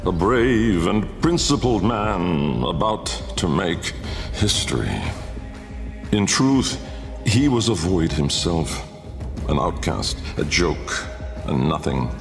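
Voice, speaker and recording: Playing a brooding, haunted aristocratic inventor recounting his memoir for a video game, this male actor speaks in an extremely low, gravelly, exaggerated voice. The mood is bitter and reckless, the delivery grandiloquent and deliberate with weighty pauses, all over music drenched in long cavernous reverb.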